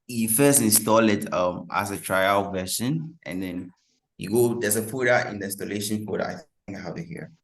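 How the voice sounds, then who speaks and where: A man presenting a workshop, giving relaxed step-by-step software instructions over a video call. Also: sits low, vocal fry. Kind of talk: software demonstration. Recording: echoey room.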